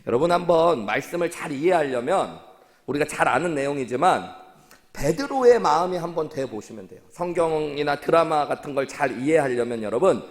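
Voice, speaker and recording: Male pastor, conversational sermon, asks the pews questions and echoes the replies, long hall reverb. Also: fairly high pitch. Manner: asks the congregation questions and repeats their answers. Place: church sanctuary.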